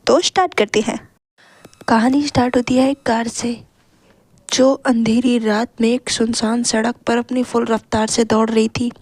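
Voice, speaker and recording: A woman with a high voice tells a fan story in a steady, descriptive manner. Her sound is close and dry, with no room echo. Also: moderate pace.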